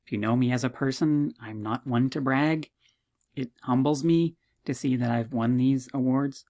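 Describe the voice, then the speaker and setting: A man in his fifties from Canada talks through a recorded course introduction as a university lecturer. He sits in a plain middle pitch and keeps slipping in teasing, mock-modest asides. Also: moderate pace, warm tone. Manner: playful, mock-modest humor.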